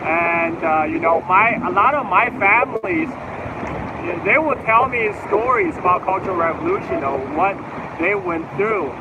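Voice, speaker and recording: 40s guy livestreaming from a car, high-ish voice, chatty and rambling, wind roaring on the mic. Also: lively intonation, moderate pace, muffled recording. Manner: rambling, answers viewer chat. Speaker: livestream host. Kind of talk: casual livestream chat. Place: moving vehicle on a road trip. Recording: loud wind and road noise.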